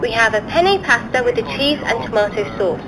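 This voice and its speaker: Flight attendant lady doing a polite plane cabin announcement, highish voice, noisy cabin behind her. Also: lively intonation, fairly quick. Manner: polite, procedural. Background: aircraft cabin noise.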